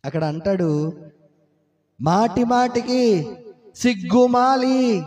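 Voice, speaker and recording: Impassioned high-voiced preacher. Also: male voice, takes it slowly, darkish tone. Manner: impassioned, repetitive, rising exhortations. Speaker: pastor. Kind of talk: sermon.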